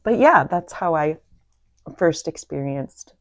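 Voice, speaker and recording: A woman with a lowish voice that swings widely in pitch as she muses in a casual chat. She speaks slowly and wryly, pausing to find her words. The sound is close and dry. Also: no room sound. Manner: animated, wry, searching for words. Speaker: co-host. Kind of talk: casual conversation.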